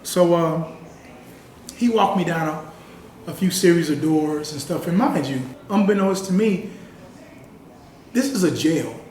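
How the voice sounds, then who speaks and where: A man with a high voice recounts his experiences in a sit-down interview, earnest and conversational. He is picked up from a distance by the mic. The room is roomy, with a faint hum of ambience behind him. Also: expressive, unhurried, pauses often, a little mellow. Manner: earnest, conversational, heavy use of "you know". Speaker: interview guest. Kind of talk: personal storytelling in a sit-down interview.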